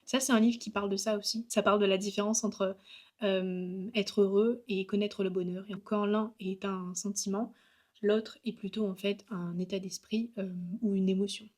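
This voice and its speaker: A young woman chats to her camera in a relaxed vlog. Her voice sits in an ordinary middle pitch for a woman. She rambles cheerfully, trailing off and restarting with easy, upbeat energy. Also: normal speed. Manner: chatty and upbeat, many fillers, laughs at herself. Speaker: vlogger and graphic designer. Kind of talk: casual vlog chat.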